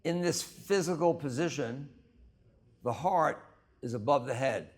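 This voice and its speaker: Guiding a breathwork and exercise session, this male instructor speaks in brief, measured phrases and leaves long pauses between them. His voice is fairly high-pitched.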